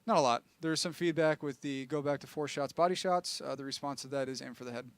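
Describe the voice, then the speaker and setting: A man with a gravelly, creaky voice walks through game changes in an easygoing livestream chat. He talks loosely, with plenty of ums and restarts. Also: mid-range voice, quick pace. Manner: relaxed, explanatory, many fillers. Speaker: game developer. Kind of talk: casual livestream explanation.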